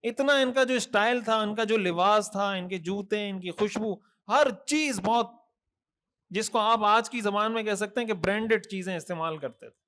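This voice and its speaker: A man delivering a sermon in a very high voice. He admonishes earnestly, asks rhetorical questions and stacks repeated phrases. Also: a bit bright. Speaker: mufti preacher. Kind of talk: Thursday night sermon.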